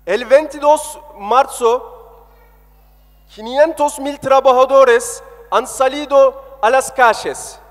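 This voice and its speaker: A political activist with a high-pitched voice addresses a rally from a lectern in an indoor hall, his words carried through a PA by a stand microphone. He speaks slowly in short, emphatic, impassioned phrases, and the hall echoes with long reverb.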